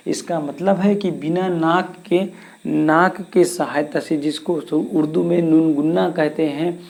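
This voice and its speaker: A man teaching Hindi grammar in a slow classroom lesson, repeating sounds and asking questions back to his students. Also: a little high, vocal fry, warm tone.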